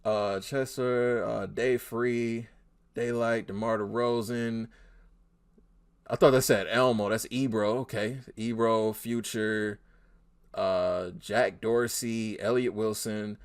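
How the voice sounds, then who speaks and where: A man reacting casually to a video, laughing often and getting loud and excited as he talks back to it. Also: fairly low pitch, slow pace, clean tone. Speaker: reaction streamer.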